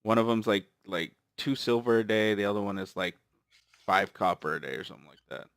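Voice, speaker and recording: A man's voice: lowish voice, a little fast, gravelly, fairly bright tone, smooth, no room sound, clean studio sound. A man at a tabletop game, casually explaining rules from the handbook. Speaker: player. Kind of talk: casual chat at the gaming table.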